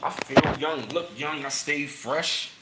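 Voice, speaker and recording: Excitable man in his thirties. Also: slow pace, reverberant, very noisy. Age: 30s. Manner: excitable, voice jumps high when emphatic, slangy. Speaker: channel host. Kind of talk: casual livestream chat, answering viewers and reading aloud.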